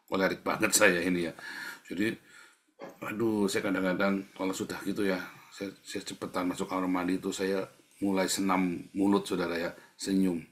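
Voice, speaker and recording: A middle-aged male pastor with a fairly low voice preaches in a relaxed, chatty way. He keeps addressing the congregation directly and drops into soft, whispered prayers as he demonstrates them. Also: moderate pace. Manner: addresses listeners as "saudara", acts out whispered prayers; casual colloquial Indonesian preaching. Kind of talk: sermon.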